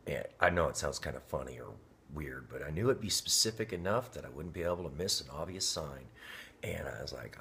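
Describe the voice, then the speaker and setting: Man, casual rambling storytelling, gravelly, faint background hiss. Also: very deep voice, pushed and bright. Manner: rambling, drops to near whispers. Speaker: vlogger. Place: inside a parked car.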